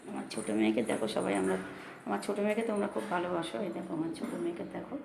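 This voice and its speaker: A middle-aged woman with a hoarse voice, chatting casually to her viewers in a lifestyle vlog while out near home. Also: lowish voice, big pitch swings, racing. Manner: chatty, addresses viewers directly. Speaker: lifestyle vlogger. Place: out and about near home and shops. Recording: loud background noise.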